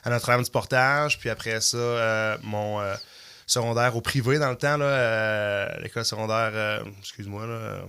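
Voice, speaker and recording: This Canadian man in his thirties has a Québécois French accent and a lowish voice with fairly even intonation, a moderate pace, and a bright, forceful tone. A little hiss or hum sits under the recording. He's a guest chatting casually in a podcast studio, rambling with lots of fillers.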